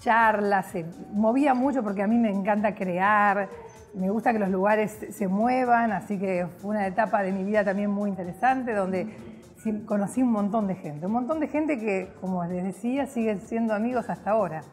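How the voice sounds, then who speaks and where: Her voice is medium-pitched and moderately paced, with faint music playing behind. She's a middle-aged Argentine PR professional and guest, telling her career story to camera from a hotel lobby in cheerful, filler-heavy, chatty Argentine Spanish.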